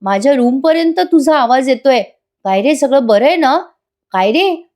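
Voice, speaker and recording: A woman's voice: high-pitched, animated, normal speed, a little mellow. A woman voicing a sweet-talking young woman who meddles and taunts with mock sympathy, in a retold TV-serial scene. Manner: sugary, mock-sympathetic, teasing.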